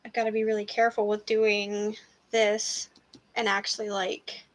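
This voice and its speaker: A woman chatting casually on a livestream while she paints, relaxed and teasing, with casual swearing. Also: mid-range voice, normal speed. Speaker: streamer painting with watercolors.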